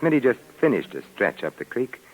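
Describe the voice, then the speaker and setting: An actor playing the Saint, a suave, sardonic, wisecracking adventurer in a 1950s radio detective drama. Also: male voice, medium pitch, big pitch swings, a little fast, slightly rough, rough recording. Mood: sardonic, probing. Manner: sardonic, urbane, playful. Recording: vintage 1950s radio recording.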